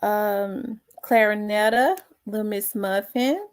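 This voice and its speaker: A woman hosting a casual livestream, greeting viewers by name with lots of ums. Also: mid-range voice. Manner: unhurried, reads out viewer names with many fillers. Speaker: livestream host.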